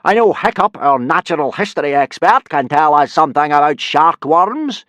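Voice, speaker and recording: A man voicing a booming, blustering Viking warrior who teaches boys, in a storybook reading. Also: lively intonation, normal speed, a bit bright, no room sound.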